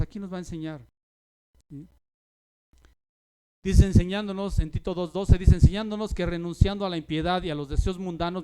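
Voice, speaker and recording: A man preaching a sermon to his congregation, asking rhetorical questions and tagging lines with "¿sí?", swinging between loud emphasis and quiet asides. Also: on the high side, clean tone. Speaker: pastor.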